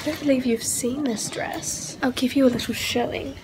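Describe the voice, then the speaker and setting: Chatty young woman, high voice. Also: fairly even intonation, moderate pace, background noise. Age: young adult. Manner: chatty, explains things like a tour guide. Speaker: vlogger and community theatre cast member. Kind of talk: casual vlog chat. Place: backstage of a small theatre, indoors.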